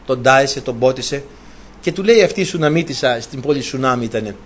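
A man's voice: medium pitch, lively intonation, slight background noise. A man preaching a sermon, retelling a story animatedly and asking his listeners rhetorical questions.

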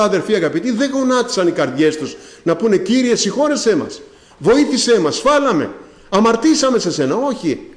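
A man with a high voice preaches with fervor and speaks straight to his congregation. He breaks in with short thanksgivings between his points. The voice rings out through an echoey hall. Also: a little mellow. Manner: fervent preaching with repeated thanksgivings and direct address to the congregation. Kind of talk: sermon.

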